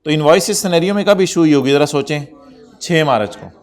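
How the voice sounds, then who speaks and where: A man's voice: a little high, fairly quick. A man lecturing an accountancy class, teasing his students and dropping English terms into his explanation. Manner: code-switches into English terms.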